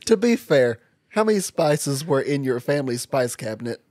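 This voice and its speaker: A man's voice: medium pitch, sing-song, moderate pace, a little mellow, dry recording. Playful young man, dry close voice. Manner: playful, self-deprecating. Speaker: host, husband. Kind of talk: casual couple chat.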